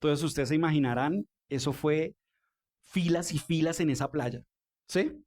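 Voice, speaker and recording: A man's voice: a little high, normal speed, a little mellow. A man with a Colombian Spanish accent preaching a sermon in a church, speaking conversationally and asking the congregation questions. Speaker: pastor.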